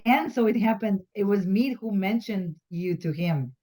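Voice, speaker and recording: A woman's voice: mid-range voice, normal speed, warm tone. A woman, sharing hesitantly in a group session. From Bulgaria. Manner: hesitant, many fillers, self-reflective. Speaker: workshop participant.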